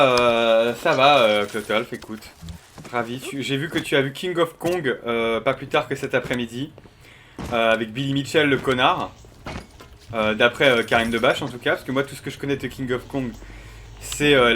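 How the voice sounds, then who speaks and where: A young man casually talking to his chat while he plays a game. He is excitable, chatty and full of fillers, and he swears often. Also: medium pitch, a little hiss or hum. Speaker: streamer. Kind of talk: casual gameplay commentary to chat.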